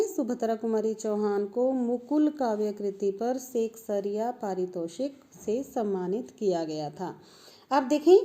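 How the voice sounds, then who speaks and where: A woman's voice: fairly high pitch, mellow. A woman teacher patiently walking students through an exam paper, repeating key points with emphasis. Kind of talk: exam paper walkthrough lesson.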